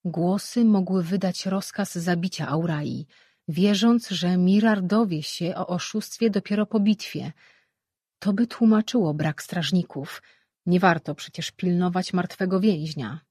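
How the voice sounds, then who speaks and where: Woman narrator, low husky voice, dry close read. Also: unhurried, mellow, dry recording. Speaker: audiobook narrator. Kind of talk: scripted narration.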